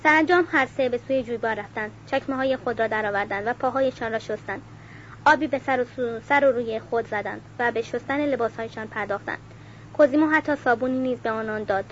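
Woman reading a novel aloud, lo-fi. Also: a little high. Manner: steady, even reading with occasional self-corrections. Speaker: audiobook reader. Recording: dull lo-fi recording with faint hiss.

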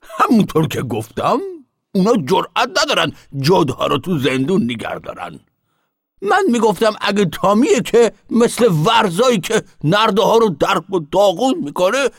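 A man voicing a rowdy, mischievous, boastful old grandfather with a gravelly voice in an audiobook. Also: high voice, fairly bright tone, no echo, studio quality, voice pushed up, exaggerated voice.

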